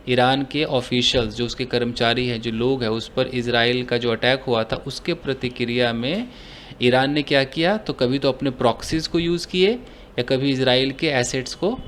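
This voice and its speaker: A man's voice: mid-range voice, fairly bright tone, a little hiss or hum. A man from India teaching English grammar in Hindi, explaining step by step, asking and answering his own questions. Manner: slows down to read English phrases aloud.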